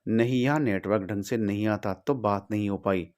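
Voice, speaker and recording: A man's voice: lowish voice, moderate pace, a little mellow, lightly acted. A man voicing a withdrawn young woman. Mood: confiding. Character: young woman, quiet, withdrawn, sharp when cornered.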